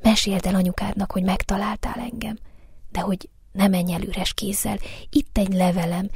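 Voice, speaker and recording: Egy nő, aki egy apró, félénk, könyörgő hóvirágot szólaltat meg halk, lehelletszerű hangon, mesében. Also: female voice, medium pitch, flat delivery, no echo. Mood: pleading. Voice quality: soft, hushed, breathy. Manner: pleading, then proud. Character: tiny shy pleading female snowdrop flower.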